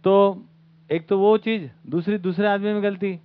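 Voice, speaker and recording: A man's voice: high voice, fairly even intonation, normal speed, no room sound. Man lecturing over a tinny line. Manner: conversational, asks the audience rhetorical questions. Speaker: teacher leading a study camp. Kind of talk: informal lecture to an audience. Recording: phone-like lo-fi recording.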